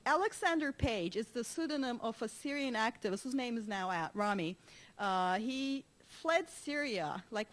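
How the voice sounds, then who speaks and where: A woman from Turkey giving a conference talk, telling stories in an animated way with frequent laughs and restarts. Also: mid-range voice. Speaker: conference speaker.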